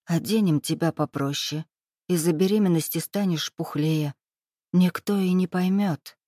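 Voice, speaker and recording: Stern scheming older club-owner woman, dark-toned, dry; voiced by a woman narrator. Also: on the low side, a little slow, no echo. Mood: mocking, stern. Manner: mocking, weary, coolly menacing. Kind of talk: audiobook dialogue reading.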